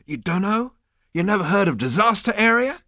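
A man's voice: high voice, very animated, moderate pace, sharp tone, no echo, clean studio sound, pitched above the performer's own voice, full character voice. A man reading aloud and voicing a brash, boastful, tipsy male alien adventurer, talking big and showing off. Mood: amazed. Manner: swaggering, showy, tipsy.

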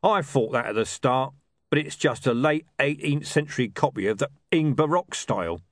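Casting: male reader doing a brash cursing thug, loud, punchy, lively pitch, dry close sound. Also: moderate pace, dry recording, close to an everyday voice. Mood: gruff. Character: loud, coarse, swearing male thug with a love of art.

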